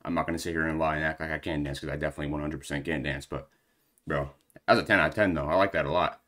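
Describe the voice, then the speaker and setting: Breathless young man with a low voice. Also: steady tone, very fast, a bit bright. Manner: rambling, loose slangy chat with lots of fillers. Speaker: reaction video host. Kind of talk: casual reaction commentary.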